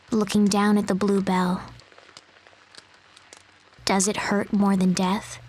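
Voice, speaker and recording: A woman voicing a timid little animal who poses as a girl, narrating a game story in a soft, measured way. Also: medium pitch, rough recording.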